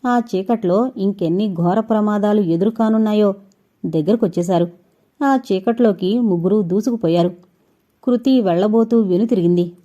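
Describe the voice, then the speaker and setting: A woman narrating a suspense audio novel with steady, suspense-building storytelling. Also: mid-range voice, normal speed. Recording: dull lo-fi recording.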